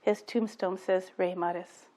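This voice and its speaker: A woman giving a personal testimony about her late father, in an earnest, halting storytelling manner. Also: lowish voice, steady tone, mellow. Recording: dull lo-fi sound.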